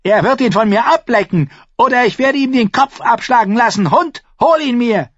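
A man's voice: animated, moderate pace, a bit bright, no echo, highs cut off, heavily acted. Joffrey, a man doing a shrieking boy king. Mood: commanding. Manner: shrill, screaming commands. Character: spoiled cruel teenage boy king, shrieking.

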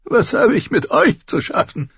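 A cackling crotchety old lord. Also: male voice, sing-song, a little slow, creaky, a bit bright, husky, dry recording, dull audio, exaggerated voice. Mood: suspicious. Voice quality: high cracked cackle. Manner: scornful, barking.

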